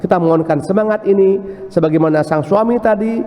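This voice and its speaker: High-voiced priest in a reverberant church. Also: male voice, brisk, mellow. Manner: storytelling, acts out the couple's voices. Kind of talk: sermon.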